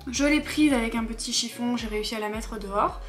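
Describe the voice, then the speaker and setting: Young woman rambling thru a makeup haul at home, kinda worked up, highish voice, music playing under it. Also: brisk. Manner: chatty, rambling, riled up and self-mocking. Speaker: beauty vlogger. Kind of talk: casual haul chat to camera.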